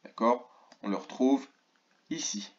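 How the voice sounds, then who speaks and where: Man teaching first graders, slow and clear. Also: mid-range voice, dull audio. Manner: slow, clearly articulated, stretches key words; asks questions of an absent class. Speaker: primary school teacher. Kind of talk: remote lesson for first graders.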